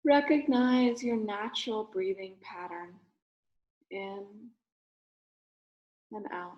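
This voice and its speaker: A woman, speaking as a rabbi, guides a meditation with gentle, soothing instructions delivered in short phrases separated by pauses. Her mid-range voice has lively intonation, and the high frequencies are cut off.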